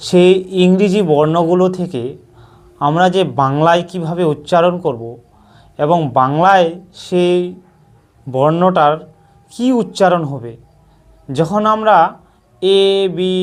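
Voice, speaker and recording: A woman teaches a beginners' lesson in a patient, repetitive way. She asks a question, pauses, then answers it herself. She keeps checking in with the same short "all right" phrase. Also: fairly low pitch. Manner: repeats "ঠিক আছে" often. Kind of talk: scripted narration.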